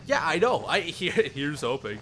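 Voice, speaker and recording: On the high side and sing-song, a man's voice moves at a moderate pace against a noisy background. He's live streaming casual, rambling chat, chuckling often as he responds to viewers, with some read-aloud story narration mixed in.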